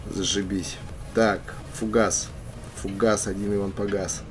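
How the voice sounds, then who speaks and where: A gaming video host with a bad cold coughs his way through a casual let's play, joking around in loose, slangy, playful talk. His voice is on the low side, a bit slow and fairly flat in pitch, with background noise plus game music and tank engine sounds.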